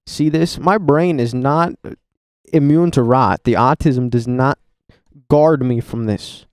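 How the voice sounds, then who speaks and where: A man's voice: medium pitch, takes it slowly, clear, resonant tone, no echo, clean studio sound. A man giving a rambling, profane, sarcastic voice-over commentary for his own video. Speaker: commentary YouTuber. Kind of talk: casual reaction voice-over. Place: voice-over recorded at a computer.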